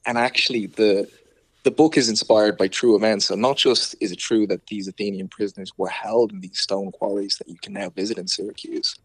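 A man's voice: fairly low pitch, steady tone, a little fast, slightly rough, no echo. A man with a Dublin Irish accent, explaining things conversationally as an author in an interview and often rewording himself. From Ireland.

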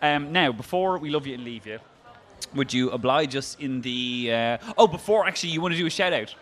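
A man's voice: medium pitch, expressive, a little fast, a bit bright. A man with an Irish accent hosting a light, casual radio interview in a jokey, teasing way. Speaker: radio host.

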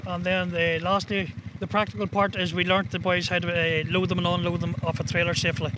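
A man's voice: high voice, flat delivery, fairly quick. A man giving practical safety instruction as a trainer. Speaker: quad bike safety instructor. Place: outdoors at training course. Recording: outdoor recording, faint vehicle noise.

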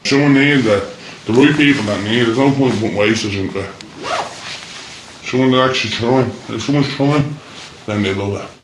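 A young man with a Dublin accent, his voice distorted to hide his identity, speaking in short halting sentences in a news interview. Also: medium pitch, reverberant, background noise. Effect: voice distorted to disguise identity. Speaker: former youth programme participant.

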